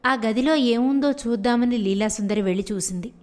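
A woman storyteller reading a children's fairy tale aloud in a steady, unhurried way. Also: a little high.

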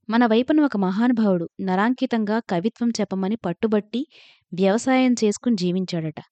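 A woman's voice: mid-range voice, dark tone, no echo, natural voice. A woman reading the lines of a weary, remorseful older scholar father, grave and pleading. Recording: dull lo-fi recording.

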